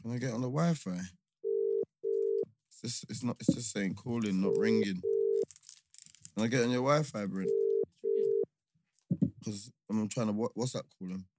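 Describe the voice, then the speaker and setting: A man's voice: fairly low pitch, moderate pace, pauses often, heavy background noise. A man with a London roadman accent hosting in casual street slang, often repeating his words. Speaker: show host.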